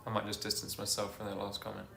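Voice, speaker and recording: A man's voice: lowish voice, monotone, fast talker, gravelly, pushed and bright, echoey room, slight background noise. Easygoing man chatting race commentary. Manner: easygoing, hesitant chat.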